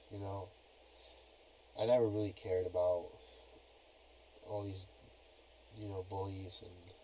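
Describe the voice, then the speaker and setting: A young podcast host with a lowish voice and fairly bright tone chats alone in a loose, rambling style stuffed with filler phrases. Recorded on a cheap plug-in computer mic, the audio is dull and lo-fi with slight hiss or hum.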